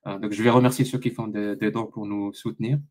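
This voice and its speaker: A man hosting a live online debate, pressing his guest with sarcastic rapid questions. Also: on the low side, level tone, a little mellow. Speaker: debate host.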